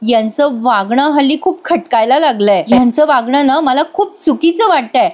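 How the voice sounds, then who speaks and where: A frightened young wife who pleads to be heard, as read by a woman narrator. The voice sits high. It is a recap voice-over read. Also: animated, normal speed, darkish tone. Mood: fearful, pleading.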